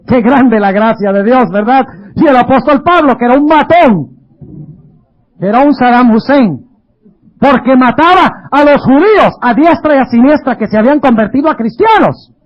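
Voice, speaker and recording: Male pastor, dramatic sermon, very high voice, dull lo-fi recording. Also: animated, moderate pace. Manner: dramatic, rhetorical questions. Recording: dull lo-fi radio sound.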